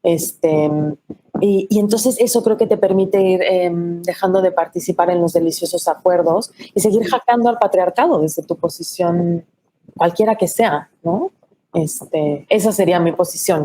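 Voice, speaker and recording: A woman gives her view on a webinar panel. Her voice sits fairly low. She speaks in a reflective way and often closes her points with a tag question. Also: moderate pace, mellow, slight background noise.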